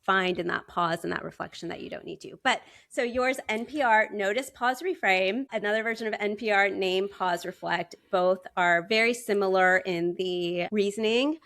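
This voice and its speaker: A woman's voice: medium pitch, normal speed, creaky, few pauses, a bit bright, no room sound. A woman hosting an interview podcast, upbeat and conversational. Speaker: podcast host.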